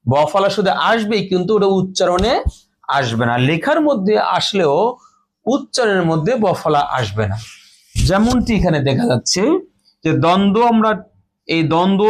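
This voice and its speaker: A man teaching a grammar lesson to students, explaining each rule slowly and repeating the rules and example words. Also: sits high. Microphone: phone or camera in front of a board.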